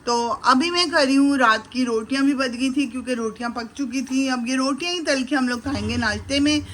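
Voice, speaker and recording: Here a middle-aged vlogger and mom chats her way through cooking breakfast at home, speaking lovingly to her sons, in casual narration shot on a handheld camera. Her voice sits high, brisk and fairly bright, with a little hiss or hum.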